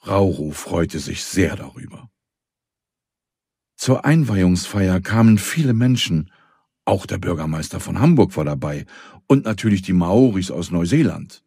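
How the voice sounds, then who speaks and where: A man reads a children's story calmly and speaks to the listener directly. His voice is very deep, mellow and husky. It is recorded close and dry. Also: unhurried, no echo. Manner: calm, addresses the listener. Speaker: narrator.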